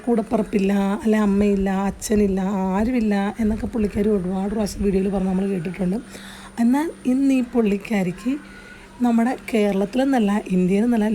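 A woman's voice: mid-range voice, dark tone, slight background noise. A woman giving earnest, consoling advice straight to the camera, repeating herself and restarting often. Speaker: vlogger. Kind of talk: direct-to-camera advice monologue.

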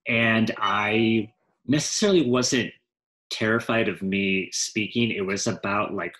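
On a low-quality recording, a man in his forties with a fairly low pitch and fairly bright tone speaks a little slowly. He's a guest actor in a casual video-call interview, talking from home through a headset mic, frequently self-correcting mid-sentence and wandering into asides as he rambles.

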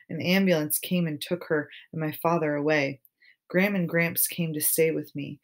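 Brief: woman audiobook narrator, lower voice, gentle and steady first-person reading. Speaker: audiobook reader.

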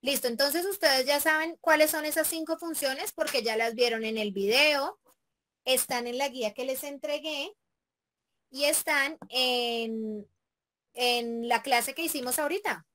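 A woman's voice: sits high, unhurried, a bit bright, a little hiss or hum. A woman teacher leading a class step by step, patient and checking in with the students often. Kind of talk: remote class walkthrough.

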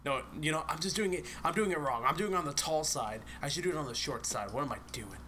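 A man commentating his own video game play, excitable and swearing, dropping to whispers and jumping to yelps. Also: a little high, fast, a little hiss or hum. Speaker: gaming YouTuber.

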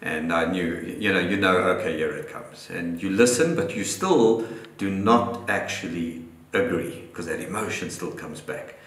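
Deep-voiced man, roomy sound. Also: normal speed, few pauses, fairly bright tone. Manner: reflective, restarts phrases often. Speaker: guest photographer. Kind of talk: live panel discussion. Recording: roomy echo.

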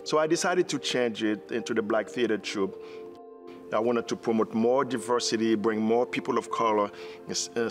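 A middle-aged man from Haiti with a Haitian accent, a theater director speaking earnestly in an interview, with many restarts. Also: lowish voice. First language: Haitian Creole. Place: indoor theater seating.

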